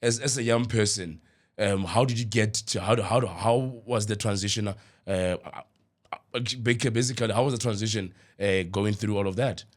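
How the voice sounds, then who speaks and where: A man hosting a podcast, his voice sitting low in pitch. He asks long, searching questions and fills his guest's answers with a steady stream of murmured agreement. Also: normal speed. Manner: frequent murmured agreement while guest talks. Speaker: podcast host. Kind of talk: conversational interview.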